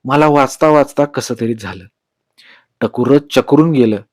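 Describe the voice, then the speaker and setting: A man reads a short story aloud in a measured, expressive storyteller's voice, in a rural dialect. His pitch sits in the middle for a man. The recording is dry with no room sound. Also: no echo.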